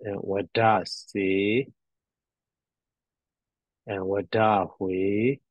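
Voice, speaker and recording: A man teaching grammar as he recites word forms, halting and repetitive as he thinks aloud. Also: on the low side, level tone. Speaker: teacher, addressed as a Buddhist monk. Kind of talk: grammar lesson on verb endings, reciting forms. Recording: dull, roomy lo-fi audio.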